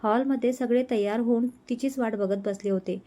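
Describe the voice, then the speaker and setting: A woman narrating a romantic story in a calm, expressive storytelling manner. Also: on the high side, normal speed.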